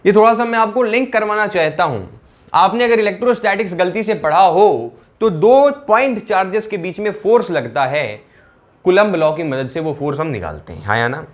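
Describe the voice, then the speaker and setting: High-voiced man teaching physics. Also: animated, normal speed. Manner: conversational, repeats phrases, asks "yes or no?" often. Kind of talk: classroom lecture.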